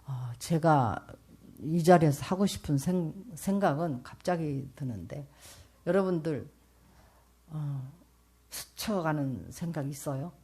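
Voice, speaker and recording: An older woman from South Korea giving an earnest church testimony as a pastor's wife, speaking straight to the audience and swinging between loud and soft. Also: sits low, animated, slow pace, breathy edge. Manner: earnest, addresses the audience directly.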